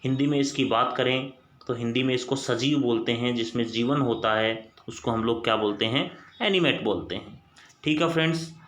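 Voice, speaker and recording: A man with a mid-range, fairly bright voice teaches English root words in a Hindi screen-recorded lesson. He restates each point as a question and then answers it himself, and the room sounds echoey.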